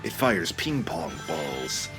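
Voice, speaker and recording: Extremely low-pitched but very animated, a man speaks at a slow pace while doing let's play commentary laced with wry, mock-dramatic humour. Loud game music sits behind him in the recording.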